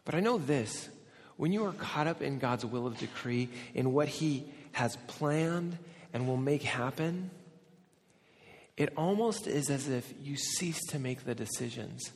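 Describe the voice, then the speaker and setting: A man in his forties, a pastor, preaching a sermon and telling personal stories in an animated, self-deprecating way. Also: medium pitch, a little slow. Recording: hall with long reverb.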